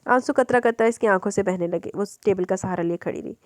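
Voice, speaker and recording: A woman's voice: mid-range voice, fast talker, no room sound. Dramatic woman narrator. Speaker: audiobook narrator. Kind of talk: novel narration.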